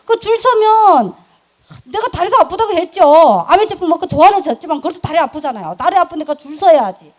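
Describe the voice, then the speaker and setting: A middle-aged woman, telling her business story in an animated, emphatic way and laughing often. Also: extremely high pitch, fast talker, hardly any pauses. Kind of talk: lively storytelling talk.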